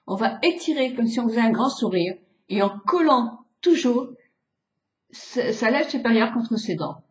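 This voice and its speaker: A woman's voice: on the high side, animated, moderate pace. A French beautician in her sixties giving a chatty, demonstrative face-exercise lesson, stretching out vowel sounds as she goes. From France. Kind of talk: casual face-exercise tutorial. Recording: roomy, slightly dull home video.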